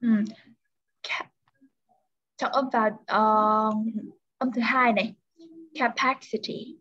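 A woman tutoring a pupil one-on-one in English vocabulary, saying each word slowly and carefully for the pupil to repeat. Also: on the high side, steady tone, pushed and bright, dull audio. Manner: slow, careful word-by-word pronunciation modeling.

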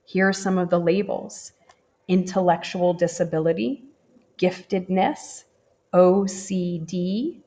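A teacher reads a children's picture book aloud at a medium pitch, slow, gentle, and animated in her expression. The camera is positioned over the book, showing hands turning the pages.

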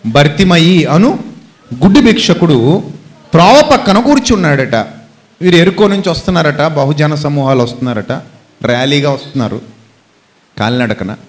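A man preaching a sermon with a Telugu accent, telling a Bible story dramatically and switching between loud cries and low speech. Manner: dramatic storytelling, shouts out the beggar's cries, then drops low. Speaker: pastor.

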